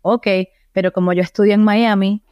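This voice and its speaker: A young woman with a Caracas accent talks through her story as a guest in a relaxed interview. She is chatty and animated, slipping English phrases into her Spanish, and sits at a middle pitch for a woman in a dry, close recording. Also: moderate pace, dry recording, dull audio. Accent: Venezuelan, Caracas. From Venezuela. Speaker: guest singer. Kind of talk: casual interview chat.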